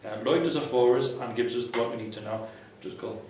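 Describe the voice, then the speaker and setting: A man with a medium-pitched, darkish voice speaks fast, giving casual advice that's blunt, irreverent and sweary. He's an ex-Jehovah's Witness vlogger who hosts advice, and the recording has a distant mic, a very echoey room and faint noise.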